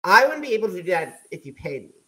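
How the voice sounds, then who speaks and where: A man's voice: sits high, big pitch swings, quick pace, pushed and bright, poor audio. A man hosting a podcast, asking questions and reacting in a loose, chatty interview. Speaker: podcast host. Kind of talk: casual interview.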